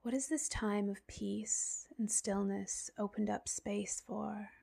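A woman guides a soothing meditation in the manner of a sleep story narrator. Her delivery is very slow and even, with little movement in pitch. The soft, breathy voice often sinks toward a whisper and into gentle creak, with long pauses between phrases.

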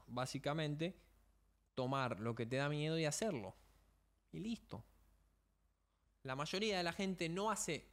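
A man's voice: a little high, a bit bright. A young man with a Rioplatense Spanish accent, hosting a motivational podcast in a blunt coaching tone full of slang and rhetorical questions. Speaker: podcast host.

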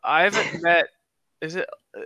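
A young man chatting as a podcast guest, easygoing and quick to laugh. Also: fairly high pitch, pushed and bright, no echo, lo-fi sound. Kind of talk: casual chat.

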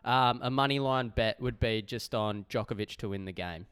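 A man's voice: mid-range voice, moderate pace, fairly bright tone, clean tone, no room sound, studio quality. A man with an Australian accent co-hosting a podcast in casual, laid-back, matey chat. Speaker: podcast co-host.

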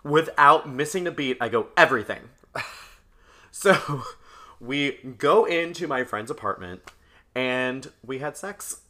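A man co-hosting a comedy podcast, telling stories with playful deadpan delivery. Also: mid-range voice, slow pace. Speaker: podcast co-host. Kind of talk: casual comedic chat.

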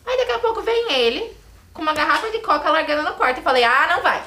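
Fast-talking young Brazilian woman, echoey room. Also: very high voice. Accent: Brazilian Portuguese. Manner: chatty, teasing, animated storytelling. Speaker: podcast host. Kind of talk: casual podcast chat.

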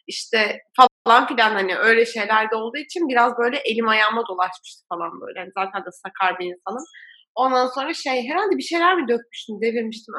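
A young woman chatting casually, telling a story about her old call center job in an animated way and laughing often. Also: fairly high pitch. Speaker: former call center worker.

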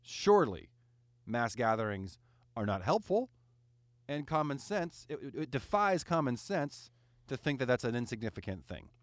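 Animated man in casual chat, dry mic. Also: medium pitch, moderate pace, no room sound. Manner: animated, rambling with fillers and restarts.

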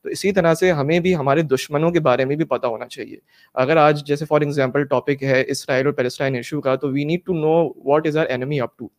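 A man's voice: fairly high pitch, fairly even intonation. A man in a casual discussion, laying out his points step by step and mixing English into Urdu. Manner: explanatory, lecturing tone, mixes English into Urdu. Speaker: guest in a discussion.

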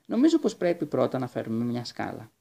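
A man's voice: mid-range voice, huge pitch swings, creaky, mellow, heavily acted. A man voicing a bold, cheerful young girl in a storybook reading, cheeky and boastful. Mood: playful.

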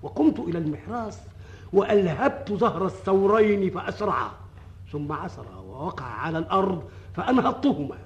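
High-voiced Ma'ruf, excitable folk-tale wanderer. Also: male voice, lo-fi sound, slight background noise. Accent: Egyptian. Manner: theatrical storytelling. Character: excitable, timid male folk-tale wanderer telling his fortune. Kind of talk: old radio drama acting.

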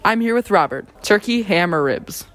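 A young woman hosting a school segment with rapid-fire questions, delivered as short scripted presenter lines. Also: mid-range voice, lively intonation, fairly bright tone. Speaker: student host.

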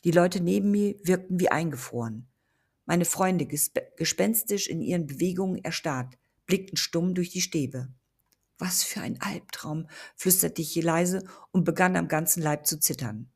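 A woman narrating a story in the first person with calm, steady storytelling. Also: on the low side, normal speed, slightly rough. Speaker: audiobook narrator.

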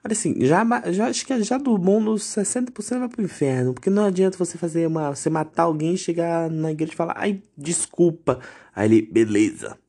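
A young man hosting a podcast, delivering an indignant, sarcastic, swear-filled rant with big pitch swings. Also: fast, few pauses, warm tone. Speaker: podcast host. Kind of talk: ranting podcast monologue.

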